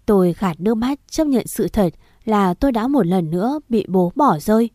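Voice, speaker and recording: A woman tells a scripted ghost story in the first person, in a sad, measured way. Her voice sits at a middling pitch and sounds dry and close, as if recorded right at the mic with no room around it. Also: animated, mellow, no echo.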